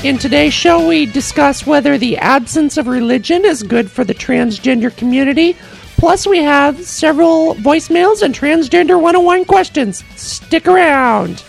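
Creaky, high-voiced woman with a sing-song welcome. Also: animated, moderate pace, soft background music. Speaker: podcast host. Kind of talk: casual podcast intro.

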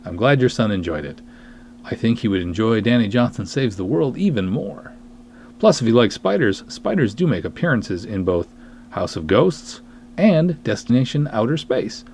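With a medium-pitched, darkish voice, a man who writes, directs and hosts a podcast talks through a monologue. He is wry and self-deprecating, and emphatic as he reads reviews dramatically aloud. A faint hiss or hum sits under the audio.

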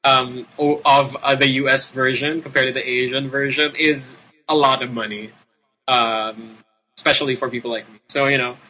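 A man's voice: mid-range voice, steady tone, normal speed, sharp tone, slight background noise, rough recording. A man with a Filipino accent hosting a video game show, talking in a casual, rambling, emphatic way. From Philippines. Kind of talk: casual, unscripted game commentary.

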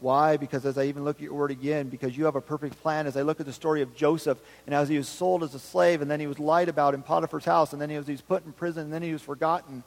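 A man preaching a sermon, swinging between loud emphasis and hushed quiet and acting out short imagined voices. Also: a little high, steady tone, rapid-fire, gravelly, hardly any pauses. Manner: acts out short imagined voices in his own voice. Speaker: pastor. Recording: long hall reverb.

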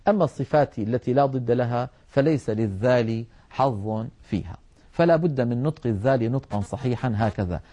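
Man, middle-aged, recitation teacher, mellow dark voice, deliberate, demonstrates letter sounds. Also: medium pitch. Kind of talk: televised tajweed lesson.

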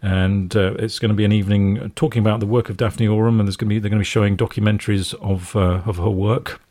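A man with a lowish, husky voice hosts a relaxed music radio show. He chuckles between thoughts and feels his way through sentences with plenty of ums and uhs. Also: fast talker. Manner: chuckles often, hesitant with many fillers.

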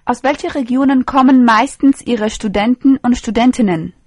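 Higher-voiced woman radio interviewer, formal. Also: moderate pace, darkish tone, slightly rough, dry recording. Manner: formal, polite questioning. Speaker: radio show host, interviewer.

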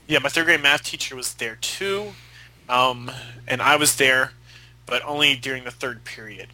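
A man's voice: medium pitch, moderate pace, bright, forceful tone, poor audio. A young man co-hosting a casual movie podcast, rambling and joking with lots of filler. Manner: rambling, jokey, full of filler. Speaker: podcast co-host.

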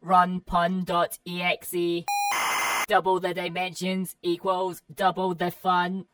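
Flat, slow robotic voice. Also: mid-range voice, distant mic, very noisy. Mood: deadpan. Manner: deadpan, announces its own programs. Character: monotone robot sidekick, literal and deadpan. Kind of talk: comedy sketch dialogue.

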